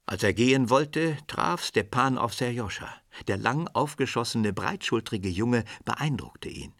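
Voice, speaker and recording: A man narrating a radio drama in a measured, expressive storytelling manner. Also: medium pitch, vocal fry, no room sound, studio quality. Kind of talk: scripted literary narration.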